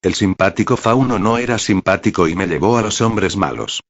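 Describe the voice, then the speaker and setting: A man's voice: fairly low pitch, animated, normal speed, no echo. A man voicing a frightened little girl who has become a living teddy bear, speaking timidly, in a dull, dry recording. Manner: timid, childlike.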